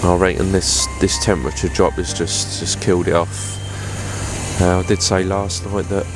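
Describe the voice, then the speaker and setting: Deep-voiced bloke chatting casually. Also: male voice, flat delivery, normal speed, over music. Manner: chatty, rambling, with fillers and restarts. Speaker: fishing vlogger. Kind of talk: casual vlog chat to camera. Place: inside a fishing bivvy tent by a lake. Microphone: clip-on lapel mic.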